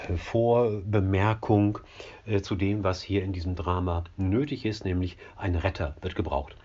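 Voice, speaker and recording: A man teaching a classic play scene by scene, in a measured, explanatory way with frequent hesitations, on a dull lo-fi recording. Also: fairly low pitch, a little mellow, slightly rough.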